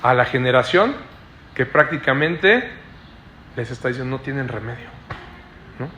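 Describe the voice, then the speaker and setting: A man preaching a Bible study sermon, explaining slowly and repeating phrases while he keeps checking in with his listeners. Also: mid-range voice, lively intonation, bright, forceful tone, slight background noise. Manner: keeps adding questioning "¿no?" tags to the listeners. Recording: echoey room.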